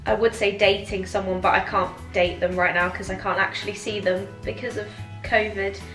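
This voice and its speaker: A British woman in her twenties talks casually to her viewers with a giggly, tipsy looseness. Her mid-pitched voice sounds roomy and echoey. Music plays faintly behind her. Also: little pitch movement, normal speed, a bit bright. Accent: British English. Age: 20s. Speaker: vlogger answering viewer questions. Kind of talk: casual chatty Q&A to camera.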